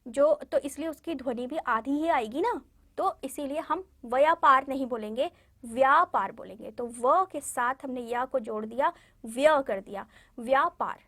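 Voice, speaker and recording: Lady teacher talking to kids, high voice, keeps asking if they got it, dry close sound. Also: moderate pace. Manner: patient, repeats words for pupils to echo; frequent "ठीक है" check-ins and fillers. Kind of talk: classroom lesson addressed to children.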